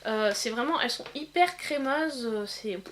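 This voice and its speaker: A woman's voice: on the high side, fairly bright tone, a little hiss or hum. Hesitant woman swatching makeup. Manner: hesitant, many filler pauses. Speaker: beauty vlogger. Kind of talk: casual makeup swatch demo.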